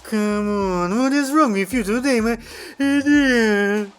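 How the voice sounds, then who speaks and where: A man's voice: high voice, sing-song, measured pace, fairly bright tone, soft background music, exaggerated voice. A man voicing a proud, haughty woman officer who drawls her words. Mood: defensive.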